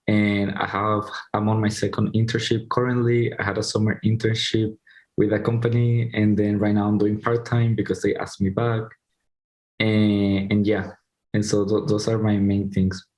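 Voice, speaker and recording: A man's voice: lowish voice, level tone, moderate pace, darkish tone. A young man from Venezuela moderating an online student panel, talking casually with many restarts and fillers over a video call.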